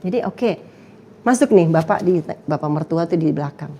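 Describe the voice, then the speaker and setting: A woman's voice: low voice, lively intonation, normal speed, dark tone, a little hiss or hum. A young woman telling her story in casual chat, acting out quotes and laughing often. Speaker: guest sharing testimony.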